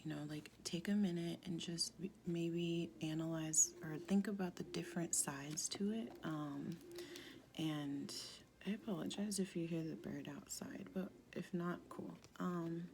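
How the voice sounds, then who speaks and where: Deep, sultry, gravelly woman's voice. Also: darkish tone. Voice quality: deep, sultry, husky smoker's voice. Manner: halting, informal, with pauses and frequent "like". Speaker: tarot card reader. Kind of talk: casual spiritual tarot reading, soft-spoken.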